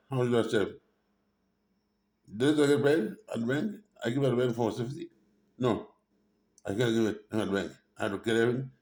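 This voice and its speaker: A man's voice: on the low side, a little mellow. Agitated, rambling middle-aged man. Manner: agitated, repetitive, often asks "hein?"; switches between French and English. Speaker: vlogger. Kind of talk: rambling direct-to-camera monologue.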